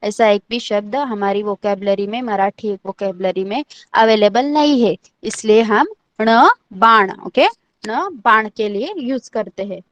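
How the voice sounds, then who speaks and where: A woman's voice: medium pitch, a little slow, no echo, dull audio. A woman teaching an online language class, patiently repeating each letter and checking that everyone understands.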